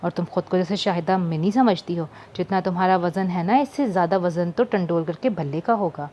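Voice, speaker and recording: A woman's voice: lowish voice, a little fast, mellow, a little hiss or hum, lightly acted. A woman voicing a wry teasing young shopkeeper. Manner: wry, mock-offended banter.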